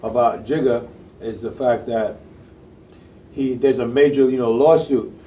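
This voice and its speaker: A trainer talks casually about his client, getting loud and animated when he gets going. His voice is mellow and dark. He sits back from the mic, and a faint background hum runs underneath. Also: medium pitch, measured pace, highs cut off. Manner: animated, voice rising loudly when excited. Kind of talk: casual interview talk. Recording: distant mic with faint ambient noise.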